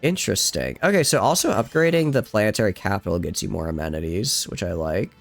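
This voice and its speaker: A man with a fairly low voice commentates a strategy game at home, keeping his voice down late at night. His delivery rambles and turns to self-mocking jokes, and his pitch swings widely as he talks. Soft game music plays faintly behind him. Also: expressive, fast talker, gravelly. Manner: speaks quietly, rambling and self-joking. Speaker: streamer. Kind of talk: casual gameplay commentary.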